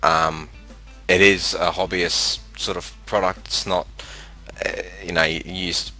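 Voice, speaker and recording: An Australian man with a very low but forceful, bright voice talks casually over a screen capture. His delivery is halting and rambling. The sound comes from a cheap, ordinary headset microphone with a slightly crackly quality. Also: level tone, faint music behind. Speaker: video game presenter. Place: room with a fan running.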